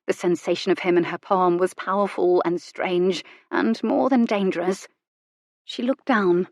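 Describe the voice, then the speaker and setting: A woman narrating a romance novel in an intimate, measured reading. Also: on the low side, steady tone, darkish tone, no room sound, studio quality. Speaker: audiobook narrator.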